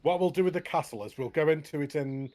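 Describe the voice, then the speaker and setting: A man's voice: fairly high pitch, quick pace, warm tone. A man chatting casually as a gaming co-host, easygoing and rambling with tag questions, on a headset. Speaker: co-host of a park tour.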